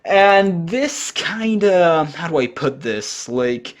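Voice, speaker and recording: A man's voice: a little high, very animated, slow. A man giving casual voice-over commentary on game footage, talking informally and rambling with plenty of fillers and the odd swear. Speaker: gaming video creator.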